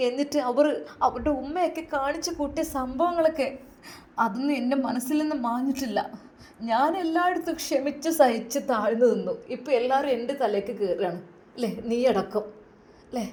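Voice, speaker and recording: A woman with a Malabar Malayalam accent voicing an angry, hurt young husband who scolds his wife with rapid, harsh questions. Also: high voice, darkish tone, close to an everyday voice.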